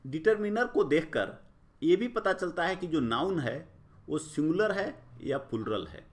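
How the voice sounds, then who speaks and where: A man explains grammar in a patient, deliberate lecture. His voice sits a little high and moves a lot as he stresses each term. He takes his time over every phrase. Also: very animated. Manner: slow, deliberate, rising and falling emphasis. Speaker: grammar teacher.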